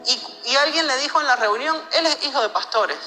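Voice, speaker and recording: A man from Venezuela, giving a personal religious testimony in an earnest, halting way, often repeating words. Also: extremely high pitch, bright, forceful tone, long reverb tail, soft background music.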